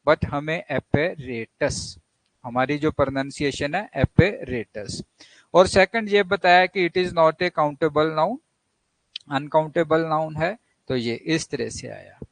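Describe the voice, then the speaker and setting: A man with an Indian accent leads an online English vocabulary lesson. He talks very slowly, repeating each word for drill, in a somewhat high voice. The sound is dry and close. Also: dry recording, rough recording. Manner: explains slowly, repeats words for drill, mixes Hindi and English. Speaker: English teacher.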